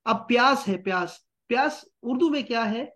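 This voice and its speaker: A man's voice: extremely high pitch, expressive, pushed and bright. A man teaching a Quran translation class, patiently explaining word meanings and checking in with students. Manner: patient, explains with repeated checks like "theek hai?".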